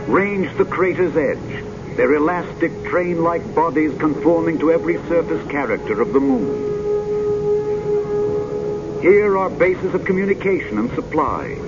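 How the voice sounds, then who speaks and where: A man narrating in a grand, dramatic, measured old sci-fi announcer manner, like a vintage futurist documentary, with drawn-out poetic phrasing. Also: fairly high pitch. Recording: dull vintage film soundtrack with music.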